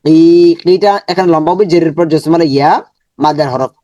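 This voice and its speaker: This Quran reading lesson comes from a man whose voice is on the high side and mellow. He slowly breaks words into syllables, repeats each many times, and then chants the complete words in long recitation, with no room sound.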